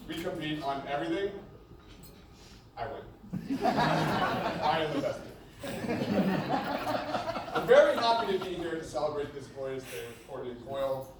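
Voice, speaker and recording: Echoey, higher-voiced young man giving a toast. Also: animated. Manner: joking, pausing between short phrases. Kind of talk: humorous wedding speech. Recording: echoey venue, distant mic, noisy background.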